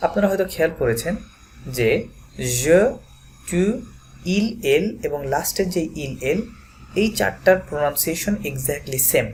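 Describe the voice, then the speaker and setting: A man teaching a French lesson, slowly and patiently repeating verb forms aloud. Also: a little high, animated, a little hiss or hum. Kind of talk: classroom lesson.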